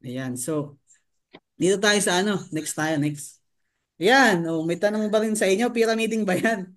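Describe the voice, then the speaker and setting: A man with a high voice leads a sales training seminar. He keeps turning to his listeners with rhetorical questions and drops English terms into his talk as he explains. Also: moderate pace, a bit bright. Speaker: network marketing trainer.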